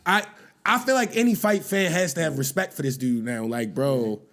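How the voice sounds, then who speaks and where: Guy on a podcast hyping a boxing fight, loose slang, um's everywhere, a bit high pitched. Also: fairly quick, fairly bright tone. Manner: loose, slangy, filler-heavy. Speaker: podcast co-host. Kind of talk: casual sports chat.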